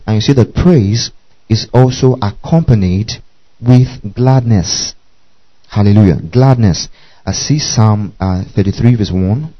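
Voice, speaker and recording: A man's voice: on the low side, measured pace. A man preaching a Bible lesson, who keeps checking in with his listeners by asking "okay?" and "do you see that?". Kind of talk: bible teaching sermon. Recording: muffled lo-fi recording.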